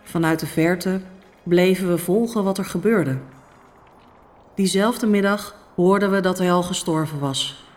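A woman's voice: fairly low pitch, close to an everyday voice. A woman playing a troubled Roman noblewoman who tells of her dreams in a solemn, urgent first-person monologue. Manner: solemn, urgent, hushed storytelling. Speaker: Pilate's wife.

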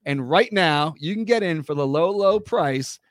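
A man's voice: on the high side, lively intonation, unhurried, no room sound, clean studio sound. Jokey New man in casual chat. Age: older than co-host. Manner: loose, swearing, jokey storytelling. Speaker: podcast co-host.

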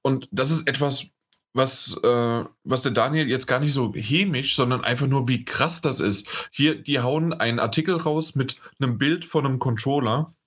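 Husky-voiced man chatting casually. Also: mid-range voice, moderate pace, a bit bright. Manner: rambling, many fillers and restarts. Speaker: podcast co-host. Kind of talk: casual chat.

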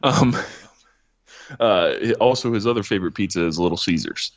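A man with a low, animated voice hosts a podcast at a moderate pace, telling a story in casual chat. He swears often and laughs along the way. The recording is dull and lo-fi.

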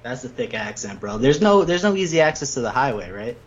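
A man's voice: medium pitch, sing-song, brisk, slightly rough. A man hosting a podcast in casual banter, slangy and teasing, calling people bro. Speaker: podcast host. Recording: dull lo-fi podcast audio.

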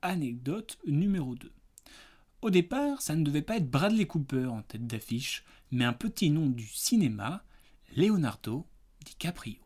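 A man's voice: fairly high pitch, big pitch swings, normal speed, a little mellow. A man hosting a casual film review podcast, in plain everyday speech. He talks in a loose, chatty way, stumbling through hesitations and fillers. He runs little quiz games with a playful, teasing edge. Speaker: podcast host.

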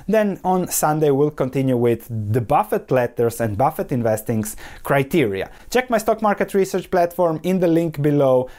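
A man's voice: a little high, a little mellow. A man from Croatia hosts a solo investing podcast, talking analytically and posing rhetorical questions that he answers himself. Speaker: podcast host.

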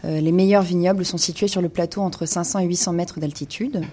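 Woman doing a wine bit, lowish mellow voice, lots of euh's. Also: steady tone, a little fast. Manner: hesitant, many fillers. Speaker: wine columnist. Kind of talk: casual radio-style wine segment.

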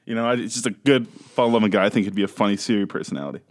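A man's voice: on the low side, racing. A young man co-hosting a podcast in casual chat, laughing often and swearing freely. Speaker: podcast co-host.

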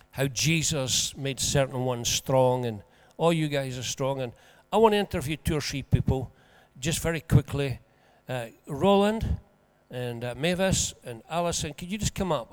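A man with a broad Scottish accent preaching informally, telling stories in an earnest, colloquial and animated way. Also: mid-range voice. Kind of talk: informal conversational sermon with storytelling.

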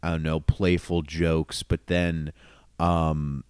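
A young man with a very low, smooth and resonant voice, co-hosting a casual podcast. He talks eagerly but haltingly, with lots of fillers, recorded close and dry. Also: level tone, a little mellow, no echo. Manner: enthusiastic, halting, many fillers. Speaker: podcast co-host. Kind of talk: casual film podcast chat.

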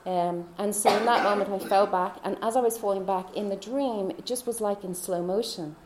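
A woman telling a personal faith story in a chatty way, laughing often and dropping into soft whispers. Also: mid-range voice, moderate pace, echoey room, a little hiss or hum. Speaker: speaker.

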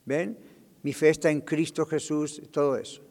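A man's voice: a little high, steady tone, moderate pace, darkish tone, long reverb tail. A man, a pastor, teaching a Bible study lesson, explaining and checking in with his class. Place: church.

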